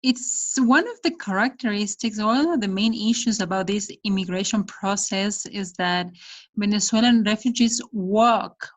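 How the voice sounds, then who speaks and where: Guest, middle-aged woman from Ecuador, speaks over a webcam at home, mid-pitched, hesitant but steady. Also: unhurried. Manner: steady explanation with hesitant fillers and restarts, listing items. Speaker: guest, development project manager. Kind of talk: video call interview. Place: indoor room at home. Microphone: laptop webcam on video call.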